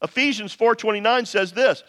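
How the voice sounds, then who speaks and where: A man's voice: high-pitched, moderate pace, fairly bright tone. A man preaching a sermon, emphatic and conversational, addressing listeners directly with rhetorical questions and repetition. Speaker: pastor preaching. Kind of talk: sermon to a congregation. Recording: long reverberant hall sound.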